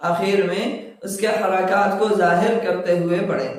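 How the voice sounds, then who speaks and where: A man teaching a language lesson, explaining grammar step by step and reading example sentences slowly, asking questions and answering them himself. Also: sits high, steady tone. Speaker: Arabic teacher. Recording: echoey room, voice from a distance.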